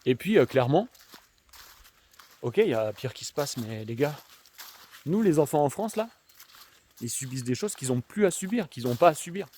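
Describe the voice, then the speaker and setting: With a slightly high, warm and very animated voice, a young man with an Alsatian accent talks slangily to viewers during a countryside walk, speaking at normal speed with long pauses. The vlogger and schoolteacher rambles casually into a handheld camera, with faint outdoor noise and rain in the background.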